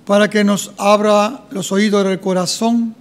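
Man, clergyman, high voice, solemn declamatory reading, slow phrasing, echoing church PA. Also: flat delivery. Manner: measured, declamatory, in short phrases. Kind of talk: solemn liturgical reading and prayer. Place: church sanctuary at a lectern microphone, congregation present.

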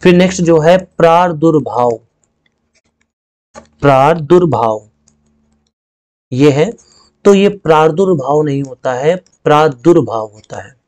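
Man, teacher, slightly high voice, step-by-step explanation, repeats words. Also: lively intonation, normal speed, hardly any pauses, darkish tone. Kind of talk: spoken Hindi spelling lesson.

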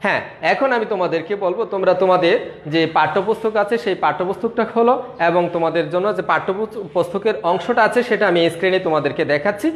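A school English teacher with a Bangladeshi accent gives a slow lesson to young children. The teacher drills letter sounds, repeating each one and answering their own questions. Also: medium pitch. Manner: patient, repetitive, asks and answers own questions. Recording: roomy echo.

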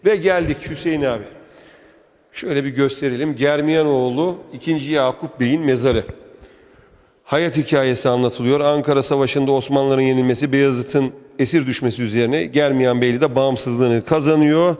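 A man's voice: medium pitch, fairly even intonation, moderate pace, a little mellow. A man giving a chatty, enthusiastic walking tour, his voice echoing in an indoor museum hall. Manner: chatty, enthusiastic, addresses the viewer directly. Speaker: travel vlog host touring a museum. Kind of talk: casual walking tour commentary.

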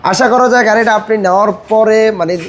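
A man's voice: sits high, a little fast. A man with a Bangladeshi accent hosting a car showcase video in a conversational presenting style, asking questions and summing up. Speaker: host and interviewer of a car sales video.

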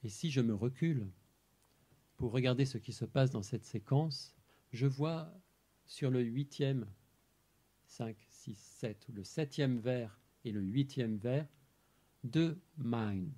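Man, translator giving a talk; mellow, husky tone; measured and explanatory. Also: mid-range voice. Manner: measured, explanatory, pausing over single words. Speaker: translator presenting his work. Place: amphitheater.

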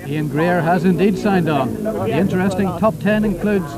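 A man's voice: high voice, lively intonation, moderate pace, over a noisy crowd. A man narrating a motorsport programme in a scripted sports-report style. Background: loud music and car sounds.

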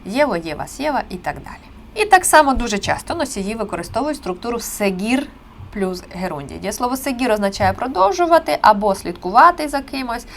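A lively woman teaching Spanish. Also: a little high, fairly quick, slight background noise. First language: Ukrainian. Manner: explains step by step, animated stresses on key words. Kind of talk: online language lesson.

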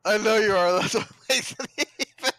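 A man's voice: high-pitched, normal speed, fairly bright tone. A man teasing his friends and laughing while playing a co-op game. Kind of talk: casual co-op game chat.

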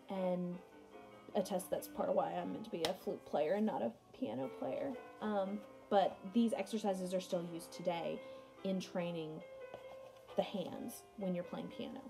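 A young adult music teacher with a medium-pitched, dark-toned voice reads aloud to children in a lesson. She chats with her pupils directly and explains as she goes, all from a small room in her home.

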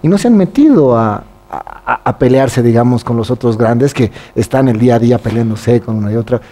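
A man's voice: medium pitch, animated, a little fast, warm tone. A man hosting a casual interview, attentive and affirming, often echoing his guest's words. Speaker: talk show host.

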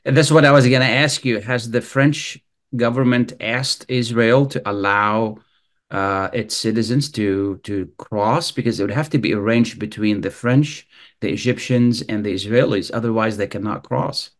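A man hosts a radio interview, opening the program in a formal, scripted way before asking his guest steady, measured questions. His voice sits at an everyday middle pitch. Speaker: radio host.

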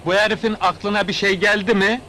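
An actor playing a blunt, grumbling Turkish migrant worker in a film comedy. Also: male voice, high-pitched, fairly even intonation, a little fast, pushed and bright, a little hiss or hum. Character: plain-spoken Turkish migrant worker, man. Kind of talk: 1980s film comedy acting.

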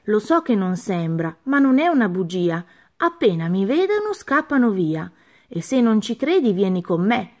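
A woman's voice: medium pitch, very animated, moderate pace, mellow, lightly acted. A woman voicing a clever, cheeky little male mouse in a storybook reading, sly and self-assured.

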